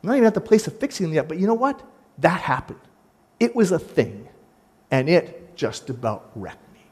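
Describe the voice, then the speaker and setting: A male pastor delivers a sermon with an animated, direct manner, slipping into the voices of the people he quotes. His voice sits high for a man. The sound rings with the long reverb of a church sanctuary. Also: normal speed, slightly rough. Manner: animated preaching, acts out quoted voices, talks straight to the congregation.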